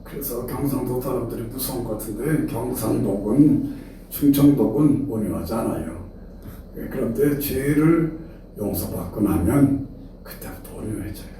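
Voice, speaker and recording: A man's voice: mid-range voice, normal speed, dark tone, a little hiss or hum. An older man with a Chungcheong accent, a retired pastor giving an early-morning sermon in a folksy, humorous way and acting out quoted dialogue. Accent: Chungcheong Korean. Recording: very echoey hall, distant mic.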